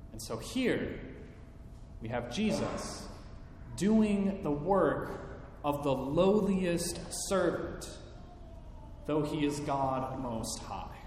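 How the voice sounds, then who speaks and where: A man preaching a sermon, slow and emphatic, acting out quoted lines with feeling. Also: a little high. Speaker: pastor. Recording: echoey hall with faint background noise.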